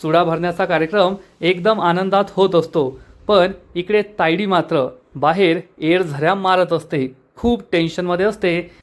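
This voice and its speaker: A man retelling the plot of a TV serial episode in a quick, animated storytelling way. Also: sits high. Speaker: TV serial recapper.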